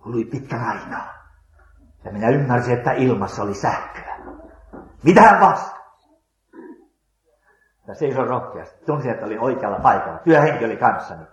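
A man's voice: mid-range voice, sing-song, pauses often, roomy sound, muffled recording. An older man, a missionary preacher, telling a dramatic testimony with hesitant fillers. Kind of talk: storytelling testimony.

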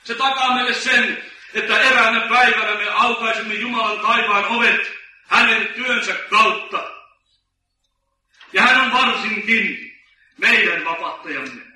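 A man preaching a sermon in a big echoing church hall, heard from some distance off the mic. His voice sits high and rings sharp and bright. He speaks slowly and with emphasis, like a storyteller. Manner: slow, emphatic preaching with dramatic story-telling. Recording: echoey hall from far off.

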